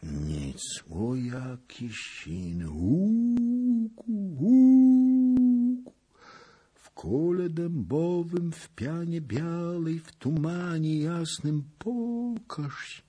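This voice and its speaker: A man's voice: expressive, drawn-out words, mellow, slightly rough, full character voice. A man voicing a wild, wailing woman witch who chants and shrieks over a mill wheel. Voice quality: shrill, wailing incantations. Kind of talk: audiobook character voice.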